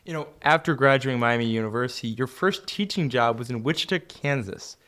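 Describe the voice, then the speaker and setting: Teenage boy, student podcast host, polite, prepared questions, mid-pitched. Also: fairly quick, a bit bright. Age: teens. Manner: polite, reads prepared introductions. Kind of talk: scripted interview questions.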